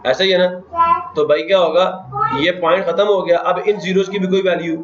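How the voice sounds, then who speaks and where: A man's voice: sits high, expressive, fairly quick, a little hiss or hum. A man teaching a math class, often asking the students questions and counting places aloud. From Pakistan. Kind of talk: classroom lecture. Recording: echoey classroom, dull lo-fi sound.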